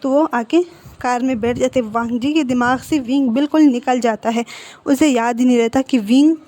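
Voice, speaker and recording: High-voiced woman retelling a story. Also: moderate pace, warm tone, dry recording. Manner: conversational, with repeats and restarts. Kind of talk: casual retelling of fan fiction.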